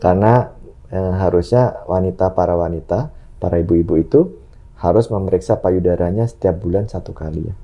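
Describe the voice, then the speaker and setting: Seorang dokter laki-laki yang menjelaskan pemeriksaan kesehatan dengan tenang dan sesekali ragu. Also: male voice, sits low, a little fast, lo-fi sound. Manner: calm, explanatory, with hesitations. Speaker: doctor. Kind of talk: medical explanation.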